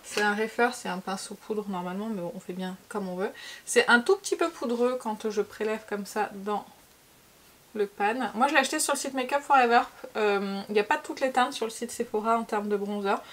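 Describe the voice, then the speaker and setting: A woman's voice: mid-range voice, fairly quick. A woman from France chatting casually through a makeup tutorial, with frequent fillers and repeated words. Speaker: beauty vlogger.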